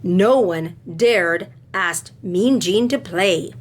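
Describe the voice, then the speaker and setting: A woman teacher with a lowish voice reads a picture book aloud to children, expressive and deliberate in her phrasing. She explains the story as she goes and asks them questions.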